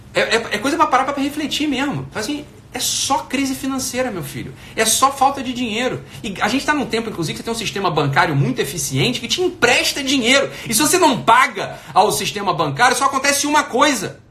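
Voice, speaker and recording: A man's voice: very high-pitched, very animated, a little fast, bright, forceful tone, slight background noise. A middle-aged man giving an emphatic, profane motivational talk, firing off rhetorical questions. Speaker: motivational speaker.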